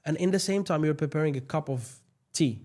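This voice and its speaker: A man's voice: a little high, fairly quick, a little mellow. A man talking casually in a podcast conversation, explaining things in informal, English. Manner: explanatory, informal non-native English phrasing.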